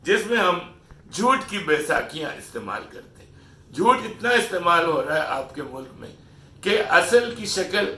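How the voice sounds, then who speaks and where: A middle-aged man from Pakistan hosts his own channel in a lecturing monologue, urging and scolding his audience. His voice sits high and has a gravelly edge. He sounds bright and forceful, and he is caught from some way off the mic in an echoey room. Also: distant mic. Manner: lecturing, exhorting listeners with rhetorical scolding. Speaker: channel host. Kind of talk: opinion monologue.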